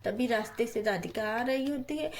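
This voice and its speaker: A woman narrating a doll cartoon story in an excitable way. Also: a little high, normal speed, a little hiss or hum.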